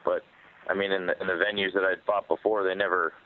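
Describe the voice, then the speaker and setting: A man, a professional fighter, answering media questions on a phone conference call in a casual, halting, rambling way. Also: deep voice, level tone. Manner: rambling, halting, repeats phrases. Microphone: telephone. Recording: tinny, narrow phone conference line.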